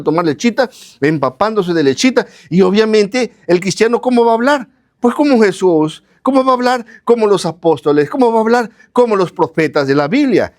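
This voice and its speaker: A man preaching a sermon, asking questions and answering them himself, repeating phrases in lists, speaking straight to his listeners. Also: sits high. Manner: addresses listeners directly.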